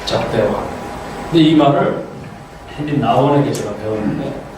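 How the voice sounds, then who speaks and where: A man's voice: medium pitch, moderate pace. A middle-aged man giving a humorous guest lecture full of anecdotes, playfully teasing the audience. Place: auditorium. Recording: echoey hall from far off, noisy.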